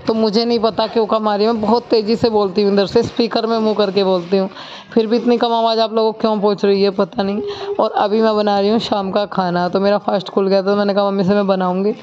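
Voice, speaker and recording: A woman's voice: medium pitch, fast, highs cut off, slight background noise. A young woman chatting casually while cooking in her home kitchen, rambling with many asides. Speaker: village vlogger.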